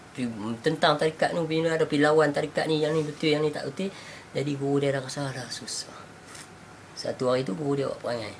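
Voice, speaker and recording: In a casual chat, a man with a Northern Malaysian Malay accent tells a teaching tale, acting out the voices of its characters and laughing often. His voice is a little high, and faint background noise sits beneath it.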